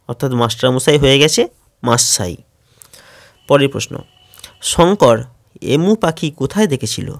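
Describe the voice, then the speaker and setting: A man's voice: medium pitch, gravelly, no room sound. Methodical Bengali male teacher, dry close sound. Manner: steady, methodical, announcing each question then answering. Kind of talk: question-and-answer lesson for schoolchildren.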